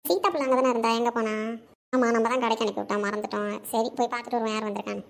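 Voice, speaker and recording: A woman playing a kind young granddaughter who talks in a brisk, reassuring way. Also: on the high side, vocal fry. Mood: curious.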